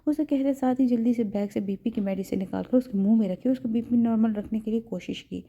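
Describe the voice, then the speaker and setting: A woman narrating a romance audio novel in a steady storytelling way. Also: a little high. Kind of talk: scripted narration. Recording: dull lo-fi.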